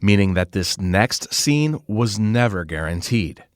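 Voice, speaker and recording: A man's voice: on the low side, expressive, measured pace, smooth, no echo. A man reading scripted feature narration as a reporter.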